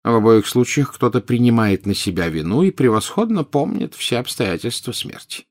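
A male audiobook reader voicing an old wizard headmaster who speaks quietly and gravely. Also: mid-range voice, expressive, normal speed, voice pushed up, close to an everyday voice. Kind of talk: audiobook character voice.

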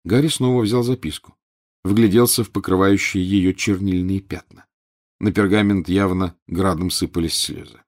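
A man reading an audiobook aloud in an even, measured narrating style. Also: deep voice. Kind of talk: scripted narration.

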